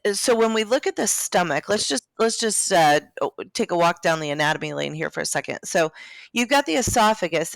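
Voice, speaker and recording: A woman's voice: fairly low pitch, no echo. A woman co-hosting a health podcast, explaining things in a chatty way with jokes, still in her groggy morning voice. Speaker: podcast co-host. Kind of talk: casual health podcast chat.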